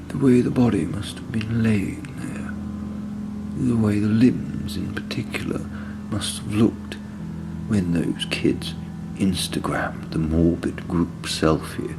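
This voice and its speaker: An author reads his own short story in full character as a disconsolate, dissolute, low-living old village drinker who narrates it, sounding wry and forlorn. His lowish, expressive voice is gravelly and breathy, slow and halting, deliberate with long pauses. Field recordings of outdoor ambience and vehicle noise play clearly in the background.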